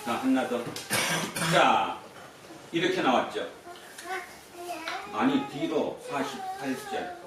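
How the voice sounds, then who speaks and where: Animated pastor quizzing his congregation. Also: medium pitch, slow, long pauses, background noise. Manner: questions the congregation and repeats the answers. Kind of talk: sermon. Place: church sanctuary. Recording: echoey church hall from far off.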